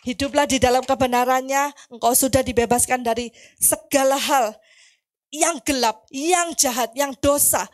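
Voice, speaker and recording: A woman preacher, giving a fervent sermon with testimony, rising to loud cries. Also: high voice, moderate pace. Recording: music playing behind the voice.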